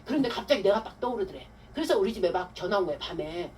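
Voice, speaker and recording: A woman pastor giving a testimony-style sermon, telling her story with animated, acted-out quotes. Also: mid-range voice, very fast. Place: church hall. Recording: distant mic with faint room noise.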